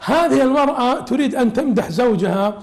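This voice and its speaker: A man's voice: very high-pitched, lively intonation, quick pace. A man teaching a religious lesson as a sheikh, explaining an old text with humorous asides.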